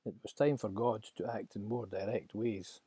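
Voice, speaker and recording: A man narrating a scripted Bible story with dramatic, expressive delivery and a husky voice. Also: on the low side, normal speed, no room sound.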